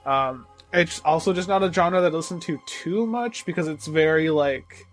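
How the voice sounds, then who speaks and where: A man with a somewhat high voice co-hosts a casual podcast chat. He talks in an enthusiastic, profane, rambling way, leaning on fillers, and faint music sits behind him. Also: normal speed. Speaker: podcast co-host.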